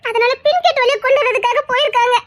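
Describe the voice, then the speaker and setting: Woman, very high shrill voice, tearful, anxious story reading. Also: racing. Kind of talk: dramatic audio story reading.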